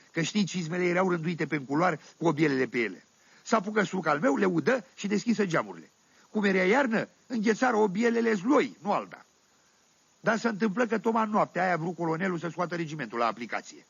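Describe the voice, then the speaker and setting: Un țăran oltean guraliv, cu voce aspră. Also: male voice, high-pitched, creaky, breathy edge, no echo, exaggerated voice. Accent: Oltenian. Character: folksy Oltenian village man telling tales. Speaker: storyteller. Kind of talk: 1970s radio comedy monologue. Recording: dull dry 1978 vinyl radio recording.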